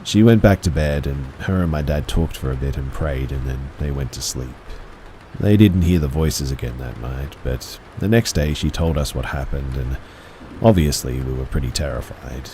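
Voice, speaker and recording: Deep male horror narrator, measured and hushed delivery. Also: slight background noise, poor audio.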